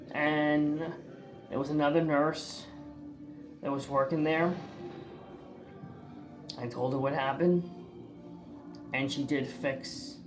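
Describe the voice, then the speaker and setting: A woman from the northeastern US talking casually to her camera in a chatty, rambling way, full of fillers and restarts. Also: sits low. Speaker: vlogger.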